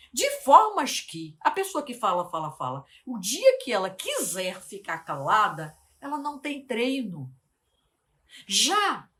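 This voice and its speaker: A woman, a life mentor teaching to camera, speaking slowly and articulating carefully, often asking the viewer questions. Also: on the high side, a bit bright. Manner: deliberate, slowed, carefully articulated delivery.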